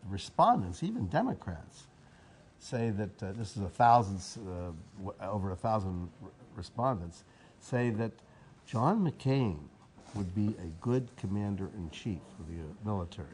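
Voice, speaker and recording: A man's voice: on the low side, expressive, unhurried, a little mellow, slight background noise. A man co-hosting a casual political chat from a newsroom, asking wry, teasing questions. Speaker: newspaper political reporter co-hosting.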